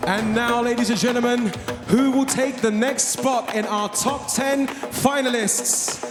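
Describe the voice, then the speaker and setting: A man hosting a live pageant as a pumped, booming announcer, drawing out names for dramatic effect. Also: fairly even intonation, measured pace. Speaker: pageant host. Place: large event hall with music behind. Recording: echoey hall PA, loud music behind.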